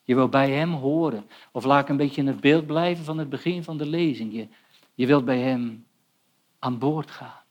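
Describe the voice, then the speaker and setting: A man's voice: medium pitch, normal speed, lo-fi sound. A man preaching a sermon in an earnest, pleading way, speaking directly to young listeners.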